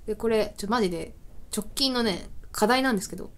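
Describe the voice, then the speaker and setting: A woman's voice: mid-range voice, fast talker. A woman hosting a web radio show, chatting casually on her own and acting out small everyday scenes with self-mocking laughs. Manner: laughs often between lines. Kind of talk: casual solo talk.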